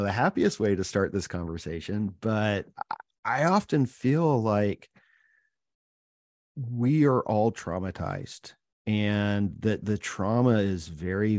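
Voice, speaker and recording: A man with a very low voice hosts an interview in an earnest, unhurried way. The sound is dry and close, with no room around it. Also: a little mellow, no room sound. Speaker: podcast host.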